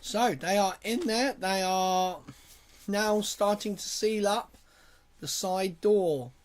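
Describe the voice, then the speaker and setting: A woman's voice: medium pitch, takes it slowly. A woman giving casual, informal commentary as a livestream host. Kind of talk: casual live stream commentary.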